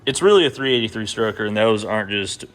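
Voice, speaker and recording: A fast-talking man with a fairly low but fairly bright voice and lively intonation hosts a car build vlog over background music. Speaking casually and unscripted to the camera, he uses plenty of slang and curses easily.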